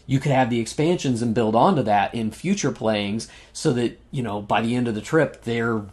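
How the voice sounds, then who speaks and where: A man's voice: mid-range voice, normal speed, a little mellow, slightly rough. A man co-hosting a casual podcast, running through game details with lots of fillers and frequent laughs, saying he is losing his voice. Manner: enthusiastic, laughs often, lists game facts with fillers. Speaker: podcast co-host reviewing board games. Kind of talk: casual chat.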